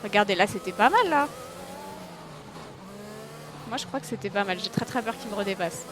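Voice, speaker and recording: A woman's voice: medium pitch, normal speed. A woman streaming a racing game, chatting to her audience, yelping at her mistakes and poking fun at herself. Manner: excitable, talks to her audience, yelps and self-mocks. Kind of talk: live gameplay commentary. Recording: racing game engine noise behind.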